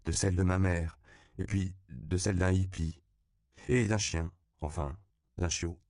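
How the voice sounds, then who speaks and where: A man's voice: low voice, fairly even intonation, unhurried, a little mellow, clear, resonant tone, no echo, studio quality. A man voicing a sad, tearful middle-aged man who murmurs and lectures in his sleep. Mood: dreamy.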